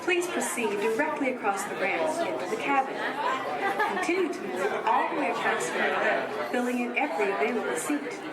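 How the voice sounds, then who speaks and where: A woman giving a formal, measured boarding and safety announcement over the intercom. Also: on the high side, lively intonation. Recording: echoey PA in a crowded hall. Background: crowd chatter.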